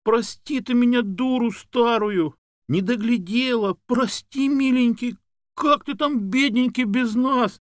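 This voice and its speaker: A man voicing a fussing elderly woman who wails and dotes in a high sing-song. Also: very animated, normal speed, no echo, clean studio sound. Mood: tearful doting.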